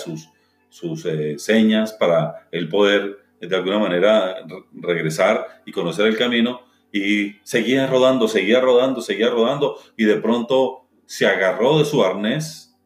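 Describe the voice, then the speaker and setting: A man telling a dramatic story with a moral and then urging listeners to act on it. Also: on the low side. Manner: dramatic, exhorting. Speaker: motivational speaker. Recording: roomy with faint music.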